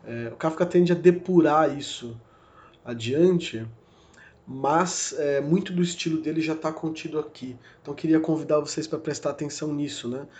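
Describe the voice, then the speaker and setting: A man's voice: on the high side, moderate pace, darkish tone. A man with a Brazilian Portuguese accent giving a recorded literature lecture, reflective and searching, with many fillers and self-corrections. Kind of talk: recorded university lecture podcast.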